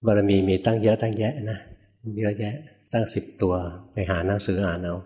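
Low-voiced older monk giving a folksy sermon. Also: male voice, steady tone, fairly quick, dark tone. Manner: plain-spoken, folksy, chuckles at his own stories; asks the listeners questions. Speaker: Buddhist monk teaching. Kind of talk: dharma talk.

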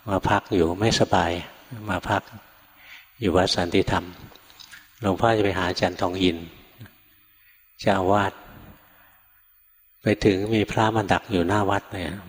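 An older male monk giving a Dharma talk, telling a story in a relaxed way, acting out quoted lines and chuckling now and then. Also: low-pitched. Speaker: Buddhist monk teacher. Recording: long reverb from a hall.

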